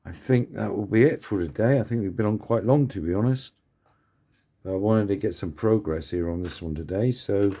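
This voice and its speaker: A man's voice: lowish voice, dark tone. A man building a scale model kit, mumbling and thinking aloud to himself in a casual commentary to his viewers.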